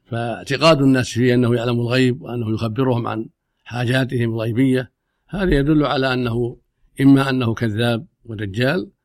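A man's voice: medium pitch, steady tone, fast talker, dry recording, clean studio sound. A man speaking as an Islamic scholar, giving unscripted religious rulings in formal Arabic in a stern, emphatic, repetitive manner. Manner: stern, emphatic, repeating himself.

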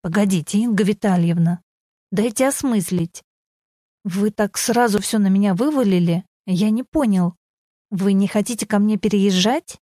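A woman's voice: mid-range voice, normal speed, mellow, no room sound, clean studio sound, natural voice. A woman reading the part of a grey-haired older man who grumbles but pleads and apologizes, in an audiobook story. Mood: bewildered.

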